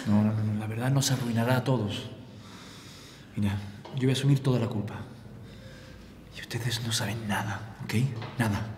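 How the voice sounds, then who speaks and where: A man's voice: fairly low pitch, steady tone, fairly quick, pauses often, background noise, close to an everyday voice. An actor playing a detained adoptive father, firm and reassuring, taking charge of those around him. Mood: consoling. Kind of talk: telenovela acting. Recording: roomy with long reverb.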